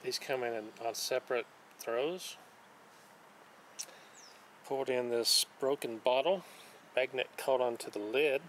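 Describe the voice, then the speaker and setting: A man hosting his own channel, calmly walking through the items he found one by one in casual show-and-tell narration, recorded outdoors on a dock. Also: mid-range voice, a little hiss or hum. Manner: plain, unhurried, listing items one by one. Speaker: channel host showing magnet fishing finds. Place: outdoors on a wooden dock by a lake.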